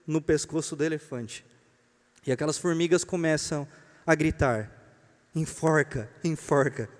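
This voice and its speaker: A Brazilian man teaches a church class in a fairly high voice, mixing doctrine with joking stories and calling the room his brothers. His voice rings with the long reverb of a church hall. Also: a little mellow. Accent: Brazilian Portuguese.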